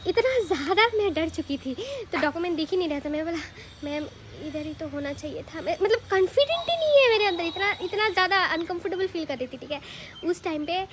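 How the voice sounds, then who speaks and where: A young woman from from tells a personal story in a chatty, animated way. She keeps turning to the listener with quick rhetorical asides. The recording carries a clear hiss of background noise. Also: very high-pitched. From Assam, India. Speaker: vlogger. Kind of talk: casual storytelling to camera.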